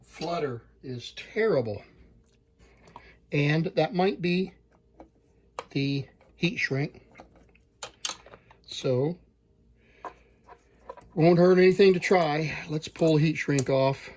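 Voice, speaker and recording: A repair technician talks slowly and plainly through a hands-on repair, thinking aloud as he works. His voice is fairly high and a little mellow.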